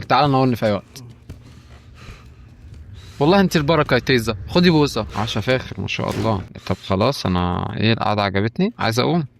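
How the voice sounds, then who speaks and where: Rapid-fire Egyptian gamer man. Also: mid-range voice, creaky, slight background noise. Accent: Egyptian Arabic. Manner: jokey, rapid-fire, often panicked and pleading. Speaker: gaming YouTuber. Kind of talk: horror game commentary.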